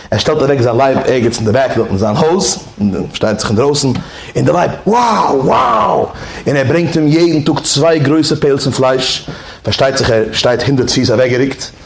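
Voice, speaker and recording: A man telling a story in a lively way, acting out roars and shouts and mixing English words into his speech. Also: medium pitch, roomy sound. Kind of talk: animated storytelling.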